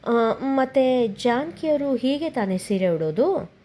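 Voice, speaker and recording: A woman's voice: high-pitched, lively intonation, takes it slowly, warm tone, voice pushed up, heavily acted. A woman voicing a playful, lovesick young woman in a storybook serial. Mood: teasing.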